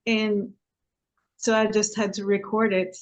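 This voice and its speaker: A singer-songwriter woman from Sweden, a guest in an interview, who talks slowly and haltingly with many restarts. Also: medium pitch, level tone, low-quality recording.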